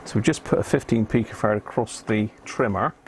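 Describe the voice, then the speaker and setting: This man's voice sits on the low side and moves fairly quickly as he casually narrates a live electronics repair. Hosting the stream as an amateur radio hobbyist, he mutters while focusing on delicate work, with background noise clearly audible.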